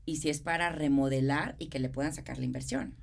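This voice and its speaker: A woman's voice: extremely low pitch, steady tone, fairly quick, gravelly. A middle-aged woman with a northern Mexican accent from Monterrey, chatting casually and explaining with colloquial examples as an interview guest. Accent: northern Mexican, Monterrey regio. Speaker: guest, real estate consultant and architect.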